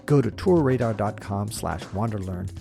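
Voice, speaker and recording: An American man hosting a casual travel podcast, talking in an animated way and swearing now and then. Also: fairly low pitch, normal speed, vocal fry, soft background music. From United States. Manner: animated, swearing, mimics others in quotes. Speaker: podcast host.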